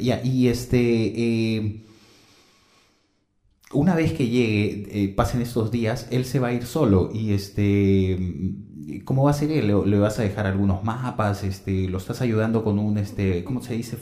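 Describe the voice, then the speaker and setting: Deep relaxed male radio host. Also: echoey room. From Peru. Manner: relaxed, laughs easily, hesitant fillers. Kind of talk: casual radio interview.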